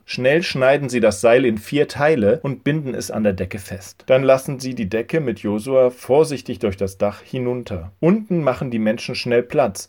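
Calm male storyteller. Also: mid-range voice. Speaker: narrator. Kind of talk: children's Bible story narration.

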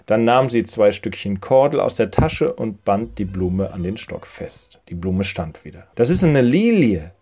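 Friendly pastor talking to children. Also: male voice, lowish voice, unhurried, hardly any pauses, darkish tone. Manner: friendly, addresses children directly. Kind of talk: children's church audio and storytelling.

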